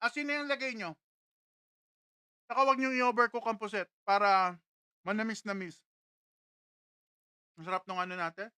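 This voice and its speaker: High, slow-talking woman live stream host. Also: pushed and bright, dry recording, clean studio sound. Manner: greets viewers one after another and tastes food on camera. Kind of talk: casual live stream chat reading viewer comments. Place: studio.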